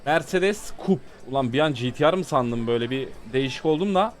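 This gaming YouTuber speaks in an expressive, mid-range voice, a little fast, with a slight hiss or hum. In his chatty let's-play commentary he talks to viewers and becomes more and more exasperated with the game.

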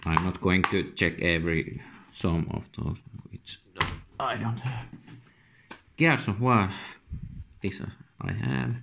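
A man with a Finnish accent speaks halting, non-native English in short, muttered remarks, as casual unscripted commentary on an unboxing. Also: low voice, expressive, creaky. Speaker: video game collector presenting an unboxing. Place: indoors at a wooden table. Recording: noisy room with handling clicks.

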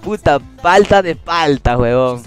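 A man's voice: fairly high pitch, animated, measured pace, soft background music. A young man with a Peruvian Spanish accent, telling stories casually to his stream chat, slangy and laughing a lot.

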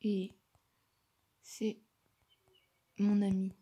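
A woman playing an online animal role-play game, chatting casually and teasing other players, with occasional quiet asides. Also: medium pitch, level tone, very slow, husky. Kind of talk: casual gameplay commentary.

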